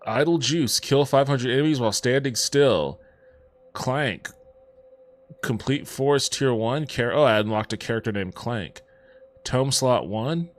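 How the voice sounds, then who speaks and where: A man's voice: mid-range voice, unhurried, soft background music. A man streaming a video game live, talking into a headset mic, reacting aloud, reading game text and swearing casually. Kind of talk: casual live gaming commentary.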